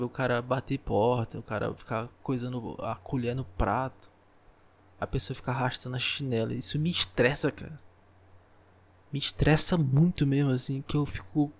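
A man with a Brazilian accent, hosting a solo podcast and ranting in a profane, exasperated way into a close microphone. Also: mid-range voice. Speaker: podcast host.

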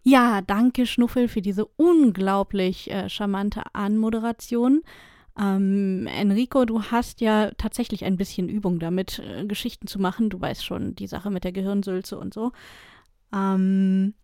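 A woman's voice: medium pitch, fairly even intonation, measured pace, a little mellow, no room sound, clean studio sound. A woman co-hosting a casual show, dryly ironic with frequent hesitant fillers. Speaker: host. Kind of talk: casual chat.

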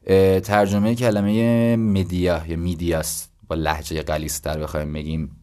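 Low-voiced young man explaining casually. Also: flat delivery, warm tone. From Iran. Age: 20s. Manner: conversational and explanatory, thinking aloud with self-deprecating asides. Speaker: podcast host. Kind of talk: casual solo podcast talk.

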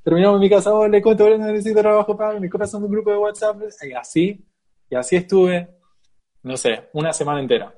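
A young Argentine man with a Rioplatense accent, casually telling a lively travel anecdote, laughing often and acting out the people in his story. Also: sits high, fairly quick. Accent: Rioplatense Argentine Spanish. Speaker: guest storyteller.

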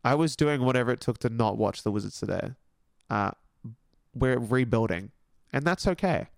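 A man's voice: medium pitch, moderate pace, vocal fry, dry recording. Young aussie guy rambling on his podcast, swears a lot, dry close sound. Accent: Australian. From Australia. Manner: excitable, rambling, swears casually. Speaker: podcast host. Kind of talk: casual solo podcast chat.

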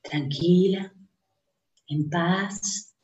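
A woman host guiding listeners in short, unhurried phrases with long pauses, as in a meditation. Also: fairly low pitch, a little mellow. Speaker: host leading a guided breathing meditation. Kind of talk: guided meditation, slow and soothing instruction. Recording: roomy, echoing sound.

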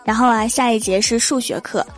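Comedy host: young woman, fairly high voice, punchy delivery, soft music underneath. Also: brisk. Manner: lively, punchy, joking. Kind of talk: comedic storytelling monologue.

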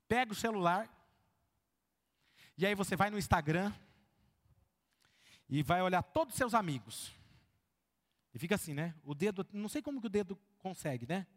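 Very high-voiced Brazilian male pastor preaching. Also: fairly bright tone. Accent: Brazilian Portuguese. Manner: keeps asking the congregation if they follow; acts out everyday scenes in a lowered voice. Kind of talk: sermon. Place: church hall with a congregation. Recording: long reverb of a church hall.

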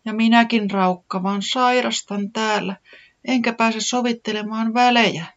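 Casting: fretful little sick chick, high and wavering, as a reader puts it on; muffled recording. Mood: whimpering. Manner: high, excited and complaining. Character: small sick worried chick, easily upset.

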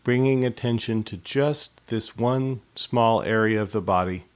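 In a medium-pitched voice, a man acting as instructor takes listeners through a guided body scan. He talks in a calm, measured, gently instructive manner and leaves pauses between phrases.

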